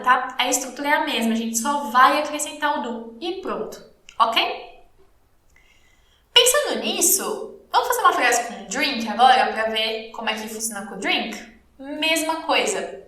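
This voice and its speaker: Bright, high-voiced Brazilian woman teaching English. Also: echoey room. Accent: Brazilian Portuguese. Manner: lively, encouraging, slows down to model English phrases. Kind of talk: live online English lesson.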